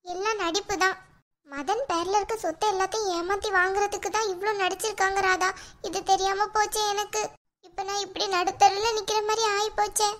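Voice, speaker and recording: A woman's voice: very high voice, flat delivery, a little fast, fairly bright tone. A woman voicing a wronged young daughter-in-law in a cartoon, sorrowful and resigned, with a Kanyakumari Tamil accent.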